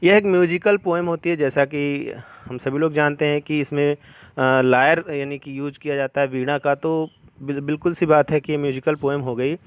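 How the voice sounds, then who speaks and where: Slightly high-voiced man teaching a lesson. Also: fairly even intonation, clear, resonant tone, no echo. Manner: reads English definitions slowly, then explains them in Hindi; patient, repetitive explaining. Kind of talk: classroom lesson.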